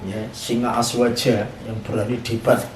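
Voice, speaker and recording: A man's voice: medium pitch, little pitch movement, normal speed, slight background noise. A man, preaching a sermon and telling a story, often putting questions to his audience. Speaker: Islamic preacher. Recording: echoey room, voice from far off.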